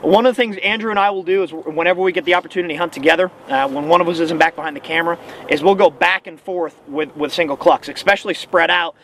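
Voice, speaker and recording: A man with a notably high voice talks casually, like an instructor in the field. He stresses his points by repeating them. There is faint outdoor and vehicle noise behind him. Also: quick pace, a bit bright. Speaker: goose-calling instructor and hunter. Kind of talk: casual instructional talk to camera.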